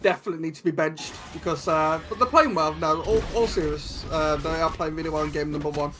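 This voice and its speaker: A man's voice: fairly high pitch, quick pace. A man casting a live esports match, bantering playfully with his co-casters. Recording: game music clearly behind the voice.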